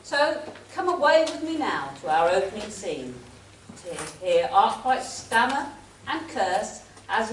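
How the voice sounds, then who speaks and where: A woman playing a wry, grand pantomime storyteller, narrating in theatrical rhyming verse in an echoing hall. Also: fairly high pitch. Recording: echoey hall, distant mic, faint noise.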